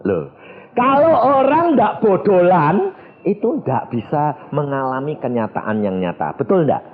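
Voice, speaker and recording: Man preaching, animated and tinny. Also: fairly high pitch, unhurried. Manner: animated storytelling, acting out voices, Javanese words mixed in. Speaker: evangelist preacher. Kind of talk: sermon. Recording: tinny phone-like sound.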